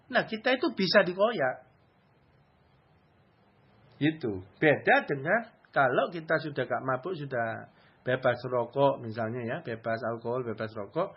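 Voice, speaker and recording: A man's voice: a little high, slightly rough, muffled recording. A man preaching a sermon in a conversational, colloquial way, often asking rhetorical questions.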